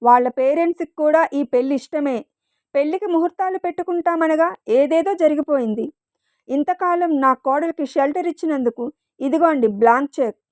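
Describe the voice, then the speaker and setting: A proud, wealthy middle-aged mother who speaks with cold arrogance, as a woman reader puts her on. The voice sits high and sounds close and dry, with no room around it. It is a storybook figure read aloud. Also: normal speed, a little mellow, no echo, natural voice. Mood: haughty. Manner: haughty, arrogant.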